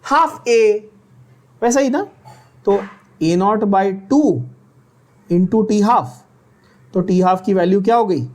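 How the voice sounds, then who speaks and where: Slow-talking Indian chemistry teacher, a man. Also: high-pitched, a little mellow. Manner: teasing, scolds students playfully; slow, drawn-out explanations with frequent checks. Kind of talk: classroom lecture in Hindi-English mix.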